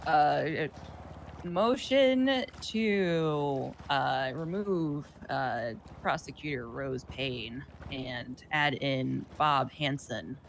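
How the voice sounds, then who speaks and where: Slow, hesitant man in role-play court. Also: mid-range voice, vocal fry, a bit bright, a little hiss or hum. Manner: hesitant, halting. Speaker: defense counsel in role-play.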